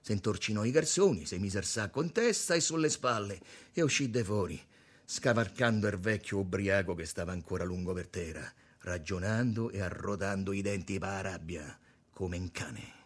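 A man reading a novel aloud with expressive storytelling. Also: sits low, normal speed, breathy edge. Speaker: narrator.

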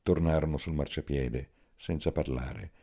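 A man narrating a literary audiobook in a slow, measured way. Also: very deep voice, steady tone, mellow.

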